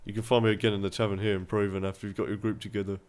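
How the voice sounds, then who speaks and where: A man's voice: on the low side, little pitch movement, very fast, a little mellow, clean tone, natural voice. A man reading a game's dialogue aloud, voicing a scheming middle-aged male town merchant in a persuasive, businesslike way with put-on accents.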